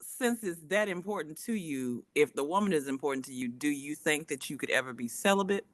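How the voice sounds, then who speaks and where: A man's voice: a little high, animated, brisk, a bit bright, dry recording. A man hosting a panel discussion, probing with questions and setting up scenarios. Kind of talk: interview questions.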